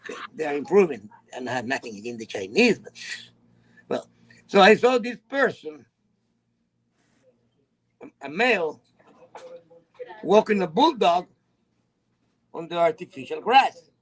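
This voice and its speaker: A man with a notably high voice talks in English as a second language, his first being Spanish. He tells his story emphatically in a relaxed chat, his grammar a little loose. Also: unhurried, pauses often, husky, poor audio. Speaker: guest. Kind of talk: casual chat.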